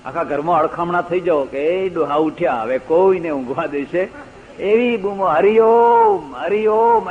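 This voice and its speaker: An older man with a Gujarati accent delivers a religious discourse full of anecdotes, slipping into the voices of the people in his stories. His voice sits somewhat high, and the recording is dull and lo-fi like an old archival tape. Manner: storytelling, acts out quoted voices, rising emphatic stresses. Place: lecture hall.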